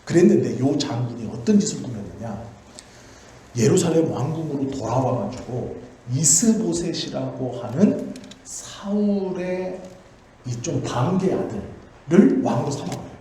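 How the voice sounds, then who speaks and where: A man's voice: a little high, expressive, a little slow, warm tone. A male pastor telling a Bible story in a sermon, chatty, asking questions and answering them himself. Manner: conversational, asks and answers own questions. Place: church sanctuary. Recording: very echoey church hall, faint noise.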